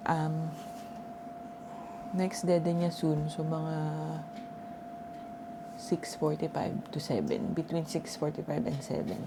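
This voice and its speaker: A young woman, a mother vlogging her day, talks viewers softly and unhurriedly through her chores at home, mixing English into her speech. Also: sits low, takes it slowly, pauses often. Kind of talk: casual chat to camera while doing chores. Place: home kitchen, indoors. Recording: noisy home recording with room ambience.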